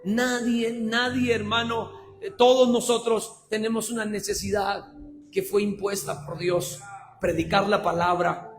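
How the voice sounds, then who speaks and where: A Mexican man preaching a sermon as pastor, shifting between shouted calls and quiet, chatty asides to the congregation. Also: high voice, little pitch movement, measured pace, soft background music. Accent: Mexican Spanish. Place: church.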